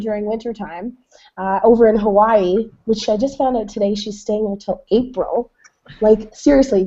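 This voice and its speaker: A woman's voice: fairly high pitch, mellow, dull audio. A woman from Canada hosting a casual online webinar, enthusiastic and chatty with plenty of fillers. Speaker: host. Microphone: video call.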